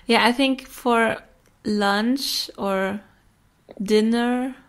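Slow, easygoing woman who laughs a lot. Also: a little high, fairly even intonation. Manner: slow, chatty, laughs often mid-sentence. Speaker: podcast host. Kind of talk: casual chat.

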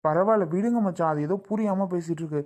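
A woman's voice: fairly low pitch, fast, natural voice. Woman doing a hot-tempered husband. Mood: exasperated angry. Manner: exasperated, pleading and shouting. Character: short-tempered husband, pleading to his brother-in-law. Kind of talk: family skit acting.

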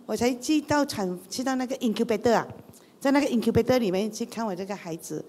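A woman's voice: a little high, expressive, fast, mellow, long reverb tail. A middle-aged woman gives a chatty church testimony. She tells her story with many rhetorical questions. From Malaysia. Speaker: guest speaker.

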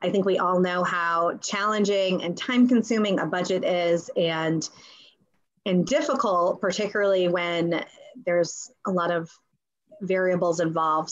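Woman chairing a meeting, muffled audio. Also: on the low side. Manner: casual, with fillers like "like" and "um". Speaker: council president chairing the meeting. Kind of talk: running a meeting agenda.

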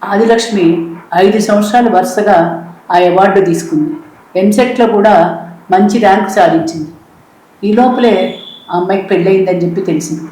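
An actress playing a woman from a charity who lectures a husband in a stern, measured way. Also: mid-range voice, dark tone, close to an everyday voice. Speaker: social worker. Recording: echoey room.

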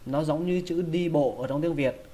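A man's voice: fairly high pitch, moderate pace, dark tone. A man with a Vietnamese accent teaching English vocabulary, patiently repeating each word several times. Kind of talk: pronunciation lesson.

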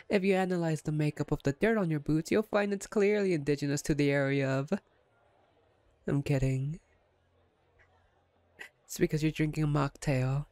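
A woman performs a lightly acted ASMR roleplay as a playful, flirtatious vampire captor, smug and teasing. Her deep voice is a little mellow, her pace unhurried and wry, and the recording is dry.

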